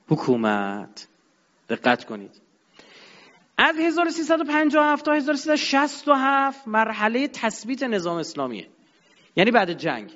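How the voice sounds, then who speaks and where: Man lecturer, high pitched, emphatic delivery, muffled lo-fi recording in a reverberant hall. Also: fairly bright tone. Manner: emphatic, rising and dropping sharply. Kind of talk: religious-political lecture. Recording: dull sound in a long-reverb hall.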